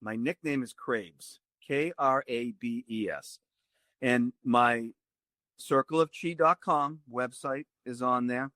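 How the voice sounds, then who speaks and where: A man with a Boston accent, a tai chi teacher speaking earnestly as a podcast guest and spelling out details slowly. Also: medium pitch, sharp tone, no echo.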